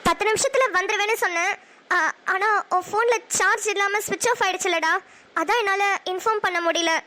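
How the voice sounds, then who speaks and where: A woman voicing a lively, bold, teasing young woman in a cartoon, brash and playful. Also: extremely high pitch. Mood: defensive. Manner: playful, brash, quick with jokes. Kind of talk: cartoon voice acting.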